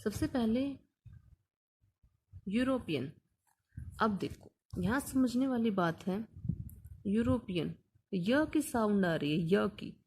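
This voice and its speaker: A woman's voice: medium pitch, lively intonation, measured pace, darkish tone, husky. A woman teacher explaining an English grammar lesson patiently, asking questions and answering them herself.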